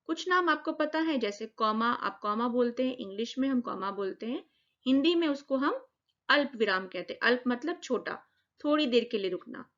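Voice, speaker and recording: A woman teaches young children grammar, explaining each point clearly and step by step. Her voice sits fairly high, and the recording is muffled and lo-fi. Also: lively intonation, normal speed, a bit bright. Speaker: primary school teacher. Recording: dull lo-fi recording.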